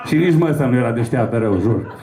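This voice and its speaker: A man's voice: medium pitch, expressive, roomy sound. A man from Romania doing a stand-up set, telling crude, rambling and profane stories on a comedy club stage.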